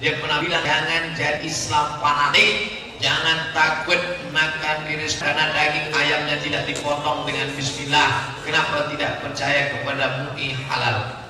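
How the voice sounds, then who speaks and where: A man preaching a humorous sermon, joking and acting out congregants' questions in high voices. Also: monotone, normal speed, echoey room, big-room sound, low-quality recording.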